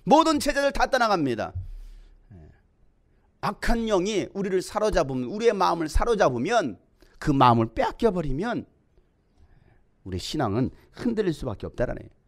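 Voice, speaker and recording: High-voiced man preaching a sermon. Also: big pitch swings, normal speed, pauses often. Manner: emphatic preaching with rhetorical questions. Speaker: pastor.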